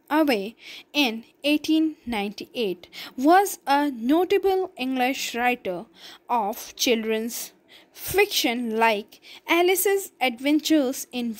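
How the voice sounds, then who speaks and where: A woman teacher reading a story aloud to her class and explaining the meanings of words. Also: high voice. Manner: clear, explaining word meanings.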